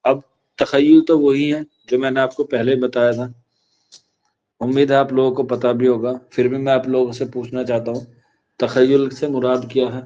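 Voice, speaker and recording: A man's voice: medium pitch, level tone, warm tone. A man teaches an exam-prep class in a medium voice. He poses questions to his students and says key lines over and over so they can write them down. The recording sounds dull and lo-fi. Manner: repeats key phrases slowly for dictation; asks the class questions then answers them.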